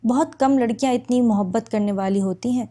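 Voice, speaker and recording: A woman's voice: a little high, dark tone, lightly acted. A woman voicing a young elder brother who speaks of his sister with earnest pride. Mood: proud. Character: young man, elder brother, proud and loving.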